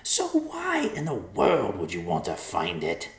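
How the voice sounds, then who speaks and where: A man's voice: lowish voice, huge pitch swings, a little slow, gravelly, roomy sound, full character voice. A man voicing a sly, mocking male talking vulture in a storybook reading, teasing and boastful.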